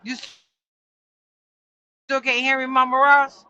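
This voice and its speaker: A woman hosting a live stream and talking casually to her chat, her audio coming through faint and breaking up on a low quality stream. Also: little pitch movement, a little slow, sharp tone, no room sound, dull audio, some chatter behind. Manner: talks straight to chat, checking if she is heard.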